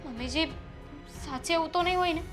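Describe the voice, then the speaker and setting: A young wife caught between suspicion and her own defence. Her voice is high, bright and sharp-edged. Soft music plays behind this family drama. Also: fast. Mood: anxious. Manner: defensive, protests then worries aloud. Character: young wife, defensive daughter-in-law, anxious. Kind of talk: short-film drama acting. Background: soft background music.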